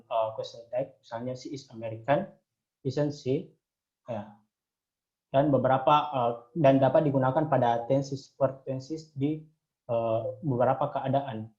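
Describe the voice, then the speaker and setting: A man with an Indonesian accent explaining English grammar in a slide lesson, pausing often with fillers as he reads out example sentences. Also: mid-range voice, a little mellow, highs cut off. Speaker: English tutor.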